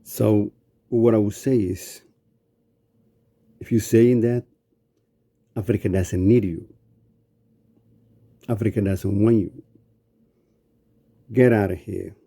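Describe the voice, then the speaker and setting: A man's voice: on the low side, fairly even intonation, slow pace, creaky, pauses often, warm tone. A man from Somalia speaking in an indignant, blunt monologue. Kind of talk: angry monologue.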